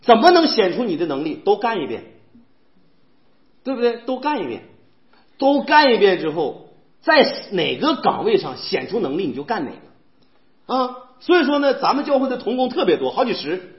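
Man, sermon, wide swooping pitch, rhetorical questions, roomy muffled church recording. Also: moderate pace. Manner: animated, asks the congregation rhetorical questions. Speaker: church preacher. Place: church hall. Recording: echoey, dull church hall recording.

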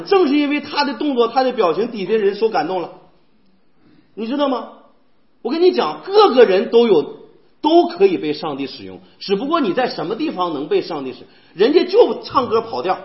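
A man preaching a sermon in a church, animated and firing rhetorical questions at the congregation. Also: extremely high pitch. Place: church hall. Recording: echoey, dull church hall recording.

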